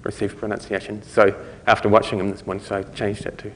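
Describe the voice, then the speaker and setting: A middle-aged man giving an informal conference lecture, explaining things in a halting way with trailing thoughts. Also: on the low side, flat delivery, a bit bright, a little hiss or hum. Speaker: conference speaker. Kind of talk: technical lecture to an audience. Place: conference lecture room, indoors. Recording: reverberant hall recording.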